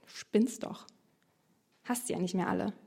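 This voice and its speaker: A woman's voice: mid-range voice, measured pace, creaky, a little mellow, breathy edge. A woman voicing a scornful crowd, dismissive and mocking. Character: scornful crowd of festival-goers.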